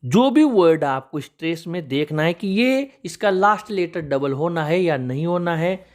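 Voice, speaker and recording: A man's voice: on the high side, lively intonation, moderate pace. A man teaching English spelling rules, patiently walking through one example after another and calling his viewers friends.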